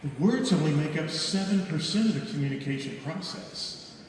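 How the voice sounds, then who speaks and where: A man speaks as a real estate trainer addressing a seminar crowd, asking rhetorical questions and leaning hard on key words. His voice sits a little high. The recording catches him from a distance, with a long echo ringing through a large hall. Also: animated, moderate pace, slight background noise. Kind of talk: seminar talk to an audience. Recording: echoey hall recorded from far off.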